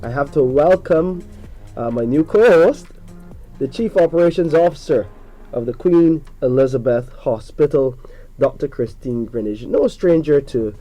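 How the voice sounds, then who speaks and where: A man's voice: a little high, expressive, measured pace, mellow, faint music behind, rough recording. A man hosting a hospital radio talk show, greeting listeners and introducing guests in an upbeat way.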